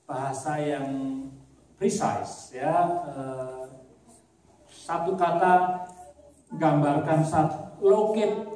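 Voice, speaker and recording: A man's voice: on the high side, mellow. A man preaching a sermon in a conversational way, mixing English words into his talk and growing emphatic as he explains. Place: church sanctuary. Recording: echoey church hall, voice from a distance, faint room noise.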